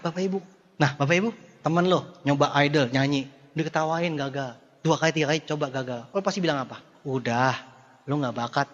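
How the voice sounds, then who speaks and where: A man giving a jokey, animated motivational seminar talk, swinging between loud bursts and low murmurs. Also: lo-fi sound. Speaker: motivational speaker. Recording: long hall reverb.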